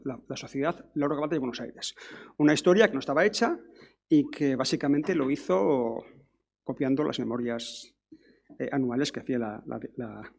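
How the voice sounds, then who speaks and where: A man's voice: on the high side, gravelly, a little mellow. A middle-aged man giving a conference lecture, talking in a discursive way with frequent restarts and tag questions. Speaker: academic speaker.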